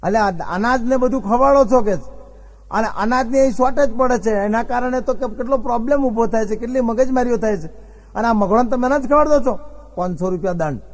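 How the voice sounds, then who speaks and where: High-voiced man telling jokes. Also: fairly quick. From Gujarat, India. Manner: folksy joke-telling with acted dialogue. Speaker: stand-up comedian. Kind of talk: comic storytelling on stage.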